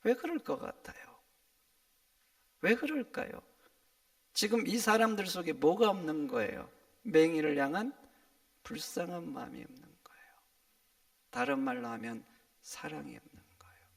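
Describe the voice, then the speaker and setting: Korean pastor swinging from whisper to shout. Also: male voice, high-pitched, big pitch swings, moderate pace, gravelly, long pauses, distant mic. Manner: swings from hushed whispers to loud emphatic cries. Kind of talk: sermon. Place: church sanctuary.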